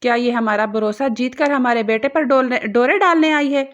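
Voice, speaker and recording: A woman voicing an angry middle-aged aunt who shouts accusations at a young girl. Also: fairly high pitch, steady tone, lo-fi sound, lightly acted. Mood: furious.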